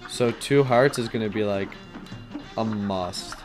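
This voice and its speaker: A man's voice: fairly low pitch, a little slow. Chatty young man streaming a game. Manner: chatty, self-deprecating, with many fillers and sudden yelps. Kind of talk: casual gaming commentary. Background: game music.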